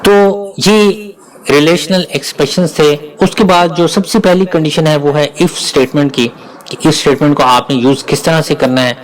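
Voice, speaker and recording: Male programming teacher, somewhat high pitch, measured lecture delivery. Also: fairly even intonation, low-quality recording. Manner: slow, deliberate, often pauses to spell out each operator. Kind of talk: recorded lecture explaining code.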